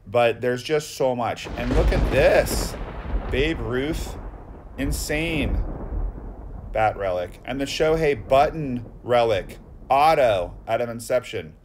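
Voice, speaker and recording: A man's voice: medium pitch, expressive, takes it slowly, background noise. Gushing Boston-accented man narrating. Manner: gushing, exclamatory, rattles off card names. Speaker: vlogger touring a card shop. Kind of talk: excited voice-over narration.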